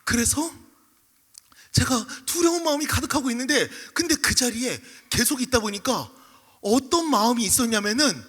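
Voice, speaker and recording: A young male pastor preaching in an animated storytelling style, acting out scenes and voices. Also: very high voice, moderate pace, husky. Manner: lively, acts out scenes, shouts and mimics voices. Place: church sanctuary. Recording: livestream with long hall reverb.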